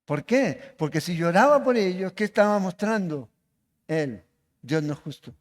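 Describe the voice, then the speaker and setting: A pastor with a high, lively voice preaches a sermon at a moderate pace, posing questions to the congregation along the way. The church hall gives the recording a long reverb.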